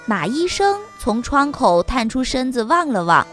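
A woman narrating a children's story in a slow, sing-song, expressive way. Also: high voice, soft background music.

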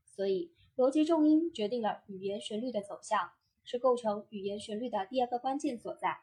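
Husky-voiced woman teaching voice acting. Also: on the high side, a little fast, dark tone. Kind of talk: scripted instructional narration.

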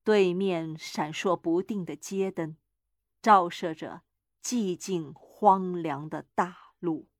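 A woman narrating a horror story in a measured, dramatic reading. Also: fairly low pitch, no room sound, studio quality.

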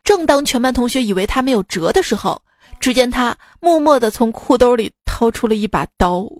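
A woman's voice: fairly high pitch, animated, a little fast, a little mellow. A woman hosting a comedy radio show, reading jokes in a playful, teasing way and acting out the characters' lines. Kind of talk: comic joke reading.

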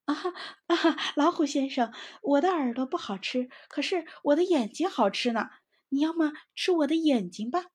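A woman voicing a small, clever young squirrel in a children's storybook, with a high, excited, pleading voice. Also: normal speed. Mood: sly coaxing.

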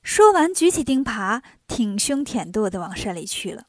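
A woman telling a children's story in a lively, expressive way. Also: mid-range voice, moderate pace, no room sound, clean studio sound.

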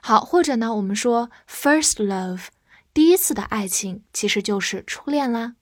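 A woman teaching English vocabulary, spelling words out and reading example sentences slowly and clearly. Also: fairly high pitch, animated, no room sound, studio quality. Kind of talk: vocabulary lesson.

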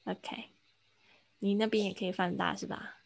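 Gravelly-voiced woman teaching English online. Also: medium pitch, fairly even intonation, moderate pace, no echo. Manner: patient, coaching pronunciation with laughs. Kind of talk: online live English lesson. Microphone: computer mic on a video call.

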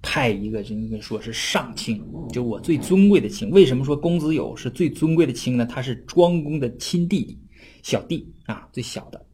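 In a casual lecture explaining classical texts, a man with an expressive, mellow mid-range voice chats along, often tacking on tag questions to check in with listeners. He slows down to read old passages aloud, and there's a little hiss or hum.

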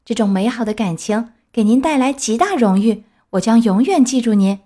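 Storybook role: woman voicing a high, chatty, cheeky wooden puppet boy. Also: lively intonation, normal speed, mellow.

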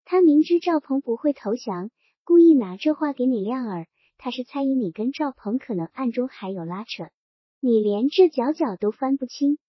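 A woman voicing a blunt young army officer who scolds his father, in a high, husky tone. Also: expressive, moderate pace, dry recording. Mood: scolding. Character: angry young male army officer son. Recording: dull, dry lo-fi recording.

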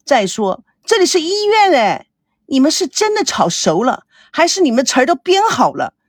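Woman voicing a shrill, hysterical young woman. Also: big pitch swings, moderate pace, no echo. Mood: indignant. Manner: shrill, screaming, frantic. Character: distraught adult daughter, hysterical in hospital.

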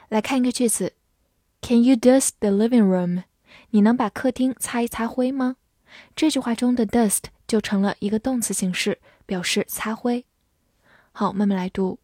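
A young woman teaching English vocabulary in a recorded lesson, spelling words out letter by letter and reading example sentences slowly and deliberately. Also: mid-range voice, a little mellow, no room sound, studio quality.

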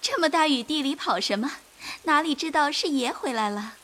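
A woman playing a gentle, forbearing young head maid in an audio drama, speaking softly and patiently. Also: high-pitched, lively intonation, quick pace. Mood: teasing.

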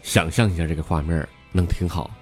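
A man's voice: low-pitched, fairly even intonation, a little fast, over loud music. A man with a Northeastern Chinese accent hosting a dialect stand-up show, telling jokes in a playful, chuckling manner. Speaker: comedy host.

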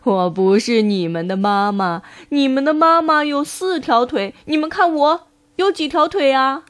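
A big, playful crab in a storybook, speaking a little lower with a teasing lilt, as a woman puts it on. It sounds good-humored, enjoying a gentle joke. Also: lively intonation, measured pace.

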